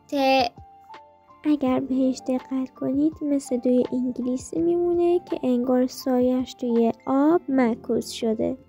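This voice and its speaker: A woman teaching a language lesson in a playful, scripted way, slowly drilling sounds with repetitions. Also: high-pitched. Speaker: Japanese teacher.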